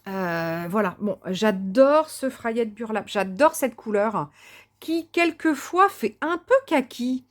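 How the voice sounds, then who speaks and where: Her pitch is fairly high and her intonation lively, yet she takes her time. This crafting vlogger talks casually through what she's doing, full of fillers and false starts, excited about colours and quietly murmuring to herself now and then.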